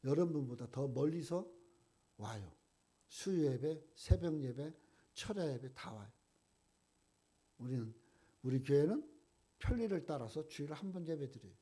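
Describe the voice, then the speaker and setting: Male pastor preaching with a raised, husky voice; voices people's complaints, drops to near-whispers. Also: fairly high pitch, lively intonation, measured pace, long pauses. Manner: preaching with sharp swings from loud to hushed. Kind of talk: sermon. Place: church sanctuary.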